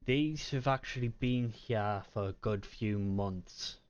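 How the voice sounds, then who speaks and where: A man narrating as game master of a tabletop game, describing scenes in a halting, measured way. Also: fairly low pitch, clean tone, highs cut off.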